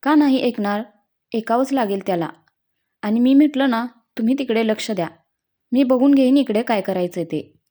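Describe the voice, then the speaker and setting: Brief: woman reading as a shy, caring new bride in a story, mellow tone. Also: fairly high pitch, moderate pace, natural voice. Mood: firm. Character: young newlywed bride, caring and bashful.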